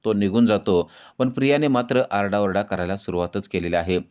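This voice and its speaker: A man narrating a recap of a TV serial episode in a steady storytelling manner. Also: fairly low pitch, a little fast, clean tone.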